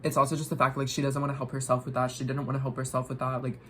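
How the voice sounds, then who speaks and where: A young man tells a storytime at home while he gets ready, rambling along in slang and swearing bluntly. He talks fast but keeps his pitch level and flat. A faint hum sits under the phone recording. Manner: rambling, slangy, fillers of "like" throughout; blunt and cussing. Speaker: vlogger.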